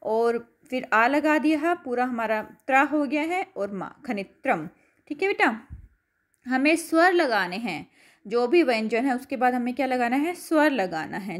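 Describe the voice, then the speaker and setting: A woman teacher with a high voice who takes the lesson at an unhurried pace. She repeats each word, asks rhetorical questions and answers them herself. She speaks to her pupils as her children. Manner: addresses pupils affectionately as children. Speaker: school Sanskrit teacher. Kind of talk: slow classroom lesson explanation.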